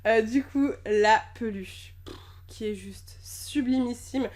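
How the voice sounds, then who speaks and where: Young woman unboxing stuff, high voice, super bubbly and gushy, lots of ums. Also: takes it slowly, darkish tone. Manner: bubbly, gushing, lots of fillers. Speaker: YouTuber unboxing packages. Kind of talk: casual unboxing vlog.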